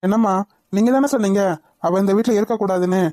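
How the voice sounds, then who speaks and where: A woman's voice: medium pitch, fairly even intonation, quick pace, mellow, no room sound, natural voice. Young cartoon son standing his ground, earnest pleading, woman doing the voice. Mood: defiant. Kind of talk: cartoon voice acting.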